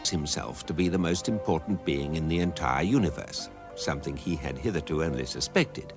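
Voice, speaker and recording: A male actor with a very deep voice and an English accent plays a dry, urbane guidebook narrator in comic science fiction. He speaks in a measured, wry deadpan over loud music.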